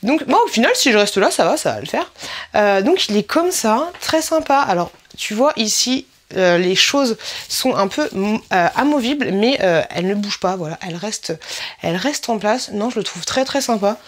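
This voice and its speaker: A woman's voice: medium pitch, lively intonation, moderate pace. Chatty woman vlogging. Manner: chatty, self-correcting, many fillers. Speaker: vlogger reviewing swimsuits. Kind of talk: casual try-on vlog.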